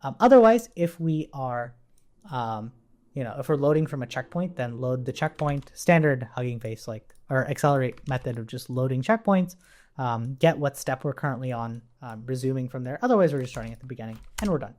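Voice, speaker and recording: Brisk and animated, this mid-range voice with a darkish tone belongs to a programming instructor running a casual live-coding tutorial. Working indoors at a computer, the speaker thinks aloud over the sound of typing and regularly checks in with "right?".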